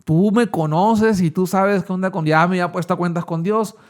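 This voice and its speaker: A man's voice: high voice, fairly quick. A man, telling his personal testimony in a casual, slangy way as an interview guest.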